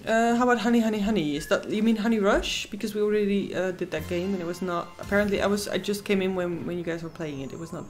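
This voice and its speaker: A young Dutch woman from the Netherlands co-hosts a live casino stream, talking fast with few pauses in a medium-pitched, Dutch-accented voice over soft background music. She's chatty, reads viewers' messages aloud, reacts to the game, and squeals at wins.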